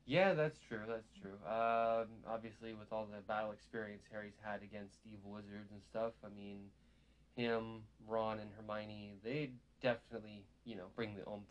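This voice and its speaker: A man's voice: lowish voice, steady tone, moderate pace, muffled recording. A man hosting a casual chat, talking in rambling, meandering sentences.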